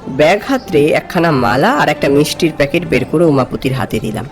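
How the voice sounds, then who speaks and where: Over background music, an actor voices a curious, polite young man from the office who calmly narrates his own horror story, serving as both narrator and character. His fairly high voice is lively in intonation, fairly quick, and close to how he'd normally talk.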